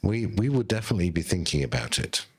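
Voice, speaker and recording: A deep-voiced man appearing as a guest on a podcast. He talks in a measured, wry manner, his tone a little husky. He sounds like a seasoned tech executive. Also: big pitch swings. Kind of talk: casual podcast chat.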